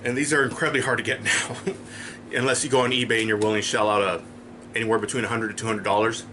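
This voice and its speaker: A man's voice: fairly low pitch, little pitch movement, fast, sharp tone, a little hiss or hum. A man casually telling a personal story in his vlog, holding up items for the camera. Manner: chatty, rambling, shows items to camera. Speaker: vlogger.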